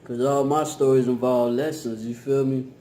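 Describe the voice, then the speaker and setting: A man's voice: mid-range voice, level tone, normal speed, mellow, a little hiss or hum. A man chats casually and slangily to the camera, chewing while he talks. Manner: colloquial slangy talk. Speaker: vlogger and YouTube host. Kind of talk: casual mukbang chat to camera.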